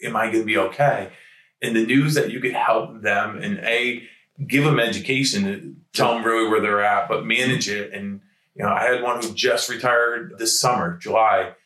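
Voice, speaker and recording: A man's voice: lowish voice, steady tone, normal speed, pushed and bright. A man speaking as a guest financial advisor, giving advice and anecdotes in a conversational way. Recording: roomy, echoing sound.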